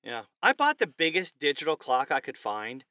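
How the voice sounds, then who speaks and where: A man's voice: a little high, sing-song, normal speed, bright, forceful tone. A man co-hosting a podcast, chatting casually and joking while he thinks aloud. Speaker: podcast co-host. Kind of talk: casual chat. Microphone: studio microphone.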